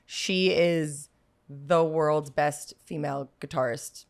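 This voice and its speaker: A young woman hosting a podcast in a bubbly, gushing way, excitedly introducing her guest. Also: low-pitched, slow pace, gravelly. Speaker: podcast host. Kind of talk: casual podcast chat.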